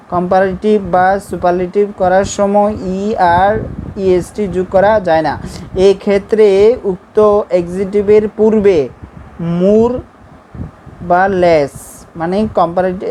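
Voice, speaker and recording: A woman's voice: mid-range voice, mellow, low-quality recording. A woman with a Bangladeshi accent, teaching a grammar lesson and writing as she explains, who repeats her points patiently and keeps checking that students follow. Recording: faint background noise.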